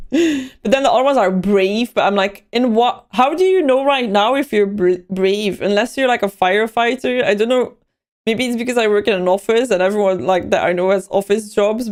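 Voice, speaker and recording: A young Belgian woman whose first language is Dutch hosts a casual livestream, her medium-pitched voice a little mellow. She rambles and answers chat messages as they arrive.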